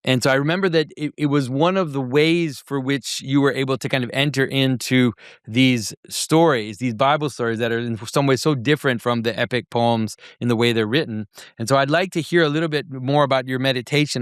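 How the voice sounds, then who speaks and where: A man's voice: mid-range voice, fairly even intonation, brisk, clear, resonant tone, no echo, studio quality. A man interviewing in a conversational way, repeating words as he feels out his questions.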